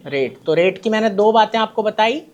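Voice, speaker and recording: A man's voice: sits high, expressive, fairly quick, darkish tone, dull audio. Man teaching, quizzing his students. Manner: quizzes students with repeated questions and answers them himself; addresses students fondly as children. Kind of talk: classroom lecture.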